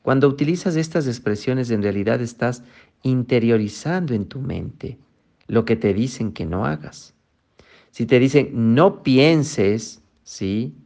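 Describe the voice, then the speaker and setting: A man's voice: medium pitch, darkish tone. A man giving a motivational talk. He speaks emphatically, posing rhetorical questions and then answering them.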